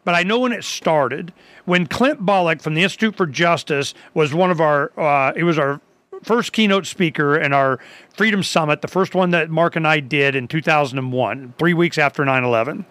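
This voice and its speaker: A talk show host man with a high, bright voice, chatting loosely and circling back on himself with restarts. The sound is close and dry, with no room around it. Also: normal speed, no echo. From Arizona. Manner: rambling, many restarts and quoted asides. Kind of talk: casual chat.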